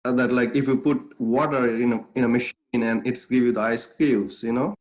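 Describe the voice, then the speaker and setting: This clothing brand founder, a young native Bengali speaker from Bangladesh, has a mid-range voice and a steady tone, and he talks fairly quickly. As an interview guest he reflects earnestly on his life story, often restarting and using fillers.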